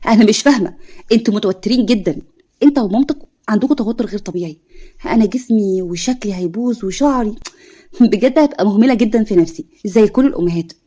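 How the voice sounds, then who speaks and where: A woman's voice: mid-range voice, fast, dark tone, close to an everyday voice. A woman voicing a selfish, dismissive young Egyptian wife. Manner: dismissive, whiny.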